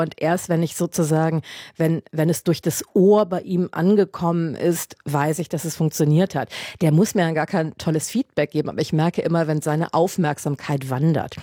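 A woman novelist from Germany in a casual radio interview, telling lively stories, laughing often and acting out quoted dialogue. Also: low-pitched, no room sound, clean studio sound. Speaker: novelist guest.

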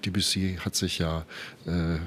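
A very deep-voiced male radio host runs an interview from a studio bus at a concert. He speaks in a measured, articulate way and translates his guest's answers as he goes. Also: flat delivery, fairly bright tone. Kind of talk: live broadcast interview.

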